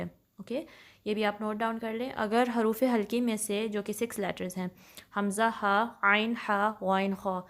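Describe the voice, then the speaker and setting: A woman teaching Quran recitation rules, explaining each sound patiently, switching between Urdu and English and reciting examples slowly. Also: a little high. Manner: slows and recites Arabic examples louder. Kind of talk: tajweed lesson mixing Urdu and English.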